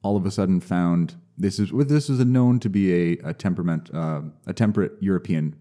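A young man speaks as a guest on a casual podcast, his low voice dark and mellow in tone. He explains things in a measured way, pausing on fillers and restarting sentences as he goes. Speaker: mycologist guest.

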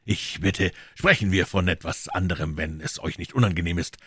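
A man's voice: sits low, normal speed, a bit bright, breathy edge, dry recording, clean studio sound. A man doing a dignified noble musketeer. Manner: dignified, gracious.

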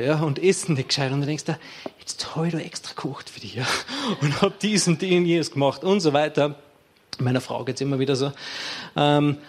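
A man preaching a casual sermon, talking in a conversational way with frequent tag questions and fillers. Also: a little high.

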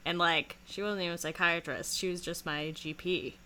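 A woman's voice: on the low side, normal speed. A woman co-hosting a podcast in casual chat, reacting with frequent laughter. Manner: laughs a lot, lively reactions. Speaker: podcast co-host.

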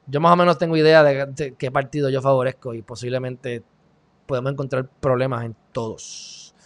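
A man's voice: medium pitch, steady tone, fairly quick. A man with a Puerto Rican accent hosting a live stream, giving heated, sarcastic commentary and reading the chat. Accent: Puerto Rican Spanish. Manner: sarcastic, heated, mocking asides. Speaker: online show host.

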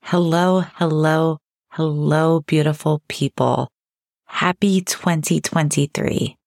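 Low-pitched, creaky, unhurried woman podcaster. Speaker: podcast host. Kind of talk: casual, intimate solo podcast monologue. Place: cozy bedroom, recording from bed.

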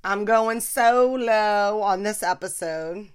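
A middle-aged woman comedian hosting her own solo podcast, talking casually in an animated, frank way, with frequent laughter and playful swearing. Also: mid-range voice, slow, smooth.

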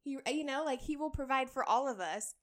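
A woman's voice: high voice, lively intonation, a little fast. A woman co-hosting a faith podcast, speaking casually and reflectively. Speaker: podcast co-host.

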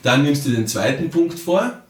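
A man coaching the listener directly and often checking in with a quick "ja?". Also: a little high, lively intonation. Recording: roomy sound, mic at a distance.

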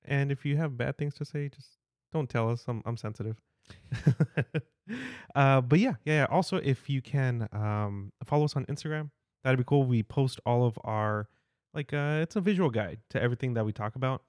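A man's voice: mid-range voice, normal speed, darkish tone, dry recording, clean studio sound. A man, co-hosting a podcast in easygoing, self-deprecating casual chat. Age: 20s. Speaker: podcast co-host.

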